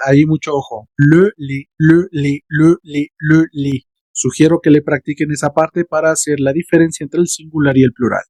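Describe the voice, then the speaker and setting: A man's voice: fairly high pitch, darkish tone, dry recording. A man teaching a French lesson online, addressing his students playfully.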